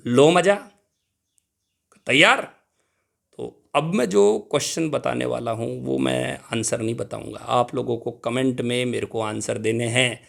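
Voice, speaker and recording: A young adult man giving an exam-prep accounting lecture, lively, asking questions and answering them himself, addressing students fondly. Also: medium pitch, unhurried, vocal fry. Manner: animated, asks and answers his own questions, calls students "beta". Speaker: accounting teacher.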